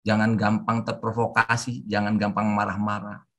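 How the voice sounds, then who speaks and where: A middle-aged man giving a webinar lecture with forceful, emphatic intonation, mixing in English terms. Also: fairly low pitch, monotone, moderate pace. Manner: mixes English terms into talk. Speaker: civil service trainer. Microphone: online webinar audio.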